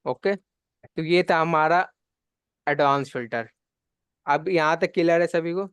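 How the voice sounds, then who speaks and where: A man's voice: on the high side, measured pace, fairly bright tone, clear, resonant tone, no room sound. A man teaching a live spreadsheet class, explaining steps patiently and checking in often. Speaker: computer class instructor. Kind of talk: live online spreadsheet lesson.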